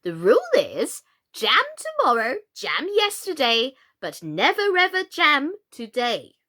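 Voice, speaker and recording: A woman's voice: sits high, wildly swooping pitch, slow, sharp tone, pitched above the performer's own voice, heavily acted. A woman voicing a flustered, helpless, melancholy storybook queen who groans, sighs and speaks emphatically. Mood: insistent. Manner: groaning, sighing, dotty, emphatic delivery.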